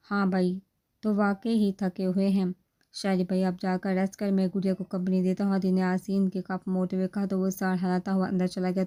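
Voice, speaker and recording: Soft-toned woman reading a novel aloud. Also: mid-range voice. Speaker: novel reader.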